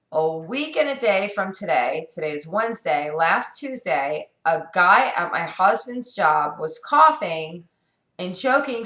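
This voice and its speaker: Her voice sits on the low side and is fairly bright, though her throat is sore and scratchy. She's a middle-aged New York vlogger rambling candidly and casually, frequently restarting and using fillers, in an echoey room.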